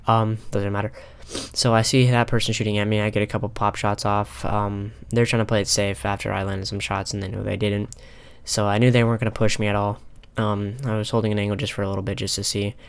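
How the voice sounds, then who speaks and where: A young man calmly talking over a replay of his own ranked match, pausing often with filler ums. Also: fairly low pitch, gravelly, clear, resonant tone. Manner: halting, many filler ums, calm and analytical. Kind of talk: casual gameplay commentary. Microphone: console headset mic.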